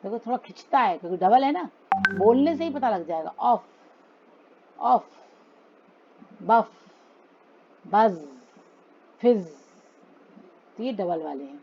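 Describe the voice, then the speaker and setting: A woman's voice: medium pitch, highs cut off, slight background noise. A woman teaching children phonics, patiently drilling English words in an Indian English accent.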